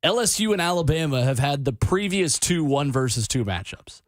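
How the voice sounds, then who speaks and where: Fairly high-voiced man chatting on sports radio. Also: expressive, moderate pace, dry recording. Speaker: radio show host. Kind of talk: casual sports radio banter. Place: radio studio.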